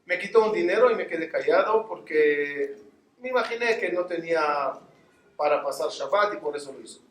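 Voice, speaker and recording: A man's voice: a little high, moderate pace, distant mic. A man, a rabbi, preaching a sermon and telling stories, talking straight to his listeners. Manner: animated storytelling, addresses the audience directly. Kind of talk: sermon with storytelling. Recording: echoey room.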